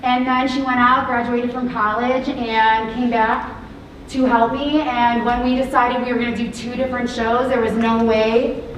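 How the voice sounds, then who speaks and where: A woman who is a drama teacher gives a rambling, enthusiastic welcome speech from a school auditorium stage. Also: on the high side. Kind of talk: welcome speech to a live audience. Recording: echoey hall, far from mic, faint hiss.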